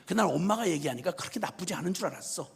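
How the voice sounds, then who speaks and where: A man preaches a revival sermon in a church, his high voice leaping up and down as he tells stories with humor and bits of mimicry. His tone is very husky and gravelly. The sound rings with the long reverb of a large church hall. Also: racing. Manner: animated storytelling with humor and mimicry. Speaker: missionary preacher. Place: church sanctuary.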